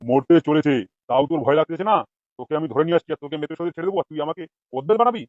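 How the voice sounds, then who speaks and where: A man voicing a vengeful male politician in a comic cartoon, spitting out rapid threats at his captive. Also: a little high, animated, no echo, narrow, tinny audio. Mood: menacing.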